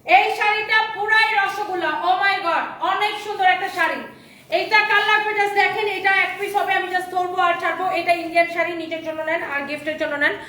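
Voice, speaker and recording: A woman selling clothes on a live stream, repeating prices in a quick pitch, her throat sore and strained. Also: fairly bright tone, roomy sound, distant mic. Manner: fast repetitive sales pitch, repeats prices. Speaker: online clothing seller.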